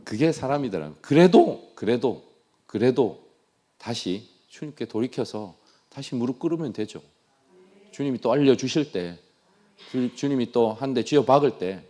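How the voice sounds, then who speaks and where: A missionary from Daegu, South Korea, speaks with a Gyeongsang accent in a mellow, expressive, medium-pitched male voice at normal speed. During a sermon he gives an earnest, self-deprecating testimony and often repeats his phrases.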